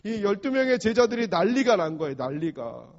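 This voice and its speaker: A man's voice: high voice, very animated, a little fast. A man preaching a sermon as pastor, often asking the congregation questions and acting out short quotes. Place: church sanctuary. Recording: dull sound with long hall reverb.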